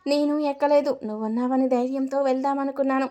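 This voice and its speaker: A woman's voice: high voice, steady tone, quick pace, dark tone, lightly acted. A woman reading out the lines of a playful young husband who teases his new bride with mock fear. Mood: teasing. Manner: teasing, mock-fearful.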